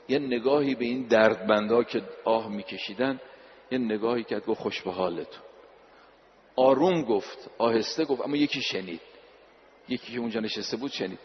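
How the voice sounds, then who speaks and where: A male preacher giving a religious sermon, slowing down to recite scripture and repeating key lines for emphasis. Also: medium pitch, slight background noise. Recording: dull recording in a reverberant hall.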